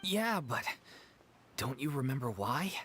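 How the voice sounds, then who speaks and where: An actress voicing an earnest, caring young troupe member in a game. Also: female voice, very deep voice, sing-song, measured pace, a bit bright, slight background noise, heavily acted. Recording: game audio with faint music.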